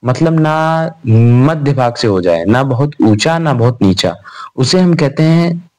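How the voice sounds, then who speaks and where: A young Sanskrit grammar tutor gives an informal revision lecture in an animated, slow, mid-range voice with a darkish tone. Chatting with the students, he calls them "bhai" and poses questions he then answers himself.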